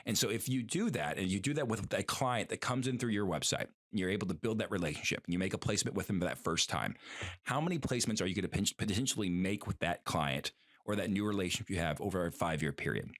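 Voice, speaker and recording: A man's voice: deep voice, expressive, fast, fairly bright tone. A man co-hosting a podcast in casual chat, rambling with many fillers and restarts. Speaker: podcast co-host.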